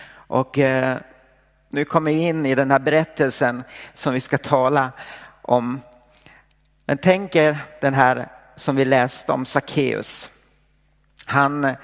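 A man preaching a sermon in a church hall, reading scripture and then teaching in a calm, measured way. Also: medium pitch.

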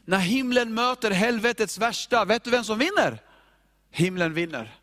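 Animated high-voiced male preacher. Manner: animated, informal, repetitive and emphatic. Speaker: pastor. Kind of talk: sermon.

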